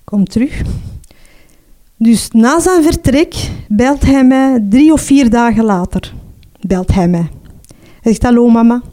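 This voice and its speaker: Woman, Flemish accent, middle-aged, earnest halting testimony, warm voice, slightly high. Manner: earnest, halting, tag-questions with "hè". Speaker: mother telling her story. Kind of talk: personal testimony.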